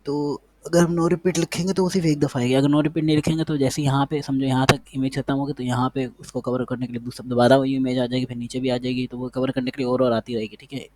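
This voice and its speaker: Male coding tutor, medium pitch, monotone delivery, casual think-aloud style. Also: quick pace, a little hiss or hum. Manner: thinks aloud while typing, repeats words, talks to the code. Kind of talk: casual screen-share coding lesson.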